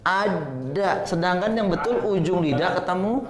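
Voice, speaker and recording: A man's voice: sits high, expressive, moderate pace, crowd noise. A man teaching Quran pronunciation in a live class, patiently correcting students and demonstrating letter sounds. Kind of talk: live tajwid class instruction. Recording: echoey room.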